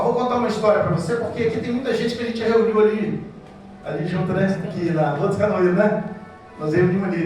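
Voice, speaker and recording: A Brazilian pastor preaching to couples in an animated way, trading lines with his audience. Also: high voice. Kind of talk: sermon to couples. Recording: very echoey hall, mic from far off.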